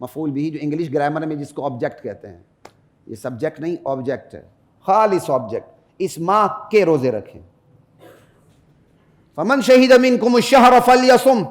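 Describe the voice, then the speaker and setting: Here a middle-aged mufti preaches at Friday prayers, pushing his emphatic voice up to loud peaks. He also lowers it for asides to the congregation and intones Arabic verses with melody.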